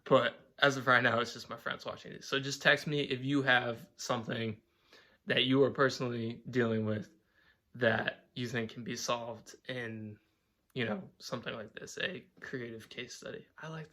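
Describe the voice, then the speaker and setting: Bright-voiced young man rambling casually. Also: medium pitch, fairly even intonation, moderate pace. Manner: rambling, profane, filler-heavy with "like". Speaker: vlogger. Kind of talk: casual vlog monologue.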